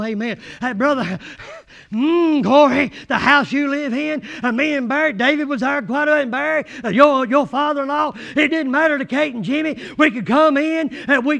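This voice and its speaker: A man preaching a sermon in church, folksy and rising to shouted fervor. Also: very high-pitched, gravelly. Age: 80s.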